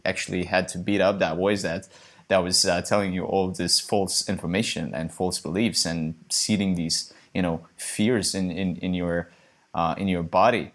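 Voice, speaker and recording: Man, deep voice, podcast co-host, thoughtful, reflective, asks questions. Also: steady tone, normal speed. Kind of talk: casual podcast chat.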